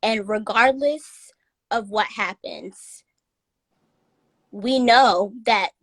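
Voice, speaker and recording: Speaking extremely slowly at a medium pitch, this North Carolina woman has a fairly bright tone and a light Southern accent. She's a content distributor appearing as a guest on a laid-back live stream, earnest and reflective, with an easy laugh. The recording has no room sound.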